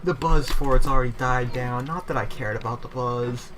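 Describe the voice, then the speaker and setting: A man's voice: mid-range voice, normal speed, noisy background. A man giving casual gaming commentary, swearing heavily and ranting as he gets frustrated. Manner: profane, ranting, easily frustrated. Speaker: let's play commentator.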